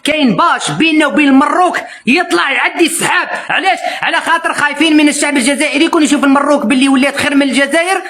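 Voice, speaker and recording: A man with an Algerian accent on an animated colloquial political rant, exclamatory and excitable, with some noise behind him. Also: extremely high pitch, rapid-fire, few pauses.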